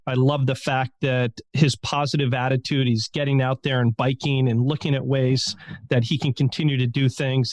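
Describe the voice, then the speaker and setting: A man's voice: mid-range voice, no room sound, clean studio sound. A man co-hosting a podcast, joking around in a playful, casual way. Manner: jokey, playful. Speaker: podcast co-host. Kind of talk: casual chat.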